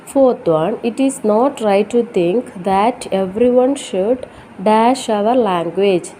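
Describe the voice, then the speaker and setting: A woman teacher giving a recorded lesson to children, explaining slowly, asking questions and answering them, and spelling words out letter by letter. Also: medium pitch, warm tone, a little hiss or hum, low-quality recording. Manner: addresses children directly, asks questions and answers them herself. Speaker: school teacher.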